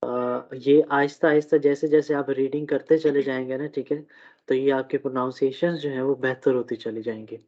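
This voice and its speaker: A man teaching a live online German class, who talks slowly, checks in often and uses many fillers. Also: medium pitch, steady tone, darkish tone. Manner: slow, repeats "theek hai" often, fillers. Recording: dull lo-fi audio.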